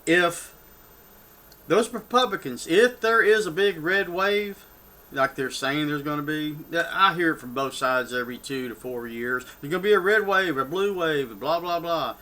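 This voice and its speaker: An older man with a Texan accent, fairly high-pitched, bright, and forceful, rants off the cuff as a political vlogger on his channel. He talks at normal speed with lively intonation, rambling heatedly through many restarts and asides.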